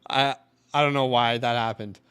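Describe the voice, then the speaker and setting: A man's voice: mid-range voice, fairly even intonation, moderate pace, fairly bright tone, smooth, no room sound. A man in his twenties chatting casually on a livestream as co-host, thinking aloud and counting out his math. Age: 20s.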